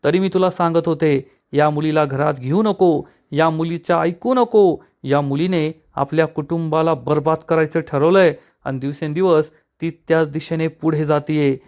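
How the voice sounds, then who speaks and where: A man's voice: a little high, moderate pace, highs cut off, lightly acted. A man voicing an angry middle-aged aunt who scolds harshly and accuses. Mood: angry, accusing.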